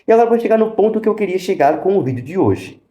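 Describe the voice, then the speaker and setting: Racing along in a high, animated yet mellow voice, this Brazilian man hosts a laid-back YouTube review and shares his views directly with his audience. There's a roomy echo to the sound.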